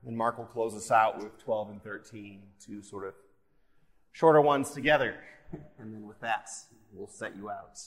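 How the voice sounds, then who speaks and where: A man's voice: fairly low pitch, fairly even intonation, moderate pace. A man leading an informal Bible study and prayer in short, hesitant phrases, with a digital echo effect on the microphone. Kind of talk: informal class teaching and prayer. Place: class session, live group. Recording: odd echo effect on class recording.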